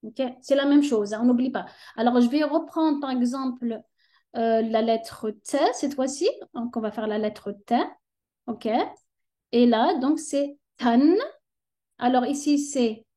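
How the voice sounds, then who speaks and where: High-voiced patient woman teaching slowly. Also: warm tone. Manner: patient, checks understanding with frequent "ok?". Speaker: Arabic reading teacher. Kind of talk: step-by-step tutorial lesson.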